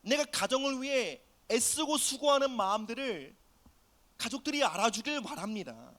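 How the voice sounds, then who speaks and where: A man preaching an earnest sermon in a high, bright voice that rises and falls widely. He often sinks to a soft near-whisper to press a point home, and acts out quoted family voices as he goes. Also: very animated, normal speed. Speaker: pastor.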